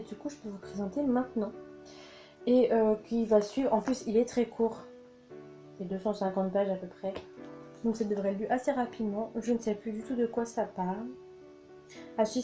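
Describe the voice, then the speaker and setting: Young woman, book vlog chat, fairly high mellow voice, eager, soft music behind. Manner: enthusiastic, many fillers and repeated words. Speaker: book vlogger. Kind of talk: casual book haul chat. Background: soft background music.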